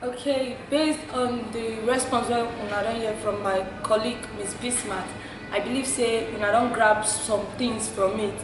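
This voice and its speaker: A woman's voice: on the high side, steady tone, normal speed, music in the background. A Nigerian woman presenting a talk programme as its host, with a Nigerian accent. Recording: very echoey, distant, noisy room.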